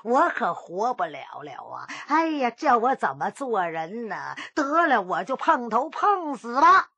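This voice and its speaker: Woman putting on a scheming young woman, wailing, wheedling, husky, dry close sound. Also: sing-song, a little slow, sharp tone, no echo, exaggerated voice. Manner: wailing, wheedling, shrill accusations.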